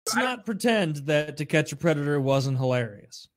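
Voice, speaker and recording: A man's voice: a little high, big pitch swings, normal speed. Mocking man in casual podcast banter. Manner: mocking, does impressions. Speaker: podcast co-host. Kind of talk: casual chat.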